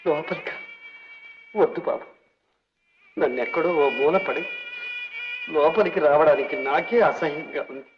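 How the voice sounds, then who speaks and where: A man's voice: a little high, measured pace, long pauses, close to an everyday voice. An actor playing a destitute, broken old man who was once rich, speaking in a tearful, pleading, grieving way in an old film scene. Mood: weary broken. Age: older. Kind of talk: 1950s Telugu film acting. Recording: dull old film soundtrack, faint music.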